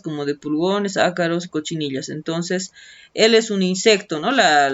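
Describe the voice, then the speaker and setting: A woman with a fairly bright yet lowish voice teaches online, patiently working through textbook activities step by step. She tends to add a questioning tag and lengthen important words while writing them, and the lo-fi screen-recording audio sounds dull.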